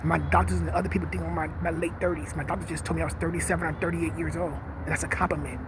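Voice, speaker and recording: A man's voice: fairly high pitch, level tone, very fast, noisy background. A man in his late fifties talking outdoors in a sad, earnest, confessional way. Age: 50s. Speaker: vlogger. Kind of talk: personal reflective monologue. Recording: music playing under the voice.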